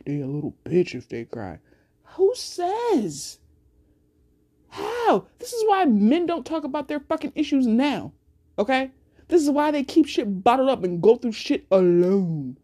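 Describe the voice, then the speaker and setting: A woman's voice: on the high side, dark tone. A woman hosting a casual solo podcast, speaking bluntly and cursing a lot as she tells a story with speech. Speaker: podcast host.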